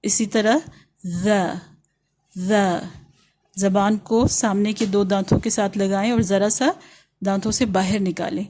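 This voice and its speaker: Woman, Quran reading teacher, online lesson, mellow voice, patient, repeats sounds. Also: mid-range voice, fairly even intonation, a little hiss or hum. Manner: patient, demonstrates sounds slowly and repeats them.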